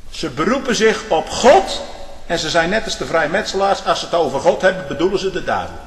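A male preacher delivering a fiery sermon and prayer in a church, checking in with the congregation and rising to forceful shouting at the peaks. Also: a little high, big pitch swings, a little fast, slight background noise. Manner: checks in with the congregation with repeated "hm?" and "hoor"; rises to forceful shouting at climaxes. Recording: reverberant church hall.

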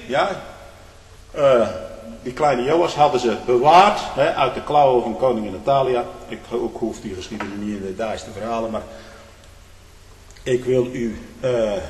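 Male preacher, mid-range voice, fiery sermon that swings loud to hushed, church with a long echo. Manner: swings between loud outbursts and hushed low tones; fervent, often adds a questioning "hm?". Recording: echoey hall with long reverb.

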